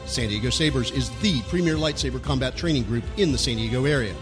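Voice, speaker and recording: A man's voice: mid-range voice, a little fast. Male announcer over music. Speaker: podcast intro announcer. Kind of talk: scripted intro.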